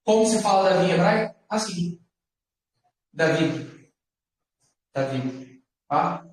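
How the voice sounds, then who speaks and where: A man teaching Hebrew letters to a class. He talks patiently and repeats words slowly for his students. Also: high-pitched, fairly even intonation. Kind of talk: classroom lesson. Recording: echoey classroom from far off.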